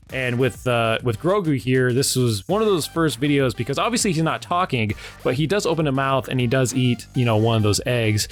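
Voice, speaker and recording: A man hosting his animation channel, giving casual, informal and rambling commentary on how he makes his videos. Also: medium pitch. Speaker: animation channel creator and host.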